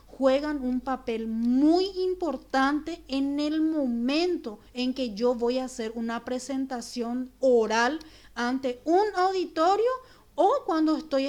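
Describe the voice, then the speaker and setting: A woman teacher, giving a recorded class in a clear, deliberate way with examples. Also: high-pitched, darkish tone. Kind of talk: recorded remote class lesson.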